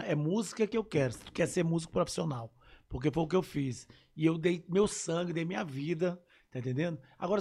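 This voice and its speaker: A man chats casually as a podcast guest. He is a musician, and he tells his stories in a lively way, throwing in sound effects. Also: on the high side, vocal fry, husky.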